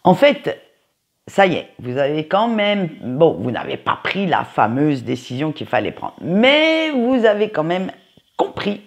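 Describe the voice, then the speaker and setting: A tarot card reader with a noticeable accent gives a casual weekly forecast from home by a window, in an unhurried, sing-song manner. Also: mid-range voice, huge pitch swings. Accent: non-standard French accent, kind not stated. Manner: unhurried, sing-song, frequent "hein" tags. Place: home, by a window facing a tree.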